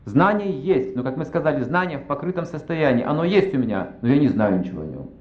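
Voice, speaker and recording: A man's voice: a little high, big pitch swings, quick pace. Man giving a roomy, dull-sounding spiritual lecture. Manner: reasoning aloud with rhetorical questions. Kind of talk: religious lecture. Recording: roomy, slightly dull recording.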